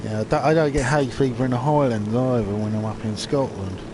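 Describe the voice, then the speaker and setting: A livestreamer rambles hesitantly through casual commentary while playing a video game, full of pauses, ums and restarts. His medium-pitched voice is nasal and bunged-up from hay fever. Game audio with vehicle noise plays behind him.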